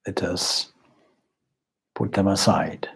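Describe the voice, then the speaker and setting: In the role of a spiritual teacher, a man guides a meditation slowly and calmly, leaving intentional pauses. His voice is low, breathy, and husky.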